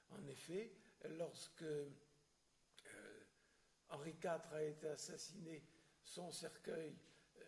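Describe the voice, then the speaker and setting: A man giving a history lecture in French, hesitant and full of filler sounds and restarts, often clearing his throat. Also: a little high, a bit bright, a little hiss or hum. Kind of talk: public lecture with questions.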